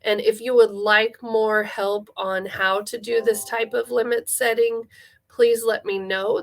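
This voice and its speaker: A middle-aged woman play therapist giving calm, instructive parenting advice, repeating key phrases for emphasis. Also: mid-range voice, gravelly. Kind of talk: instructive parenting talk to camera.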